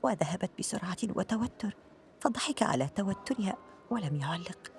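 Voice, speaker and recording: A woman narrating a radio drama in formal Arabic, in a measured storytelling manner. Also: medium pitch, animated, slight background noise. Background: background music.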